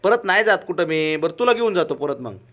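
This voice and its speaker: A man coaxing and doting on his pet cat in soft baby talk, repeating gentle pleas over and over. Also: a little high, big pitch swings, fairly quick. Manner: repeats soft pleading commands. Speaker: cat owner vlogger. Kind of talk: casual home pet vlog.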